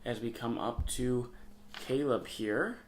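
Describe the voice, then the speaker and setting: A man's voice: medium pitch, slow, a little hiss or hum. A man giving casual, upbeat play-by-play commentary on a disc golf round, recorded outdoors on the course. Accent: Michigan. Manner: chatty, upbeat play-by-play with fillers.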